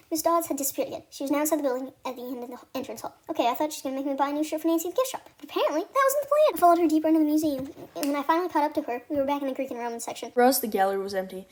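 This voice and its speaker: Female audiobook narrator, mellow tone, casual unpolished first-person reading. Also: high voice. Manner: unpolished reading with stumbles and restarts.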